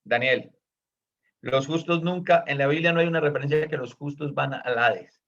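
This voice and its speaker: A man's voice: a little high, normal speed, fairly bright tone. A man teaching a Bible study, explaining earnestly and stepping in to correct a student, on a dull lo-fi recording.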